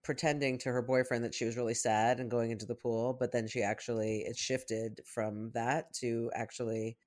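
A therapist co-hosting a podcast talks in a mid-pitched voice, reflecting and thinking aloud in an easy, casual chat. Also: little pitch movement, normal speed.

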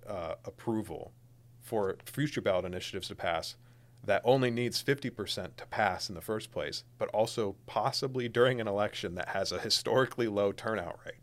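A man's voice: lowish voice, a little fast. A young man, co-hosting a podcast in casual political chat, emphatic and sarcastic. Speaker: podcast co-host.

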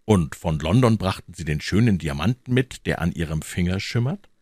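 A man doing a grave, gruff old captain. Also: deep voice, animated, moderate pace, a little mellow, dry recording, clean studio sound. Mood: warning. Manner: grave, warning, lecturing. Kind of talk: audiobook character voice.

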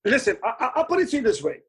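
A man's voice: very high voice, big pitch swings, fast, fairly bright tone, husky. A man telling old band stories in an interview, rambling along with many fillers and restarts. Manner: rambling, full of "you know" fillers and restarts. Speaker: musician recalling band days. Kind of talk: anecdotal storytelling interview.

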